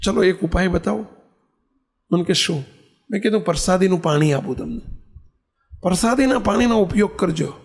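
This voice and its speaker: A man with a Gujarati accent giving a sermon as a swami, telling stories and acting out the dialogue, repeating phrases for emphasis. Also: high-pitched. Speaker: swami giving a religious discourse. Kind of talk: sermon with storytelling.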